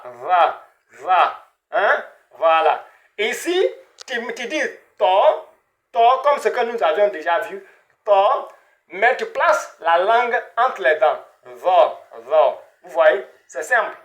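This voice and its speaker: Male language teacher, high voice, slow and patient, repeats sounds for beginners. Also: a bit bright. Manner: repetitive, drills sounds with frequent "hein?" and "voilà". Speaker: Arabic teacher. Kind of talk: beginner pronunciation lesson.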